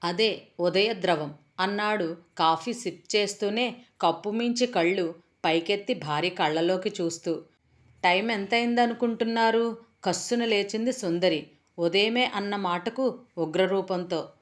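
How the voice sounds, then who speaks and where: A woman's voice: medium pitch, a little slow. Woman reading a storybook tale. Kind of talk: scripted story narration.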